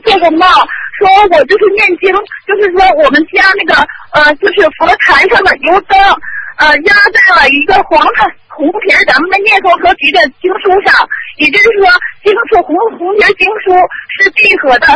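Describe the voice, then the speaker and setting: A woman's voice: very high voice, noisy background. A woman calling in to a radio show, describing a dream in rambling, restarting sentences. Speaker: caller.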